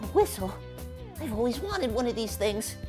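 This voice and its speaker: A man's voice: very high voice, sing-song, normal speed, a little mellow, faint music behind. A young man playing a cheeky, smug friend on a kids' show, speaking in an exaggerated, sing-song way. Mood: scheming.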